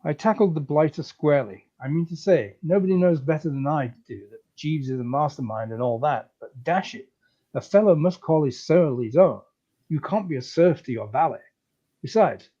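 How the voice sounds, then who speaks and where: A man reads a comic story aloud in a breezy, chatty way, his voice fairly high for a man yet soft and mellow. The recording sounds a little dull and lo-fi. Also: expressive, fairly quick. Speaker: story reader. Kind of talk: comic live reading of a story.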